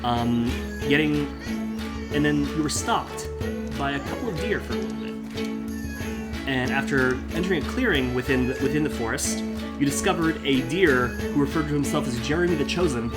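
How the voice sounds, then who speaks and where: Male game master over background music. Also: mid-range voice. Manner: halting, improvised phrasing. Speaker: host and dungeon master. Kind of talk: casual tabletop game narration.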